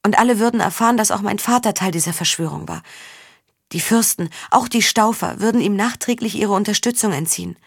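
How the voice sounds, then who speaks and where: A woman's voice: medium pitch, a little fast, creaky, slightly rough, no room sound, studio quality, voice pushed up. A woman voicing a burdened young princess in an audiobook, speaking urgently and resolutely.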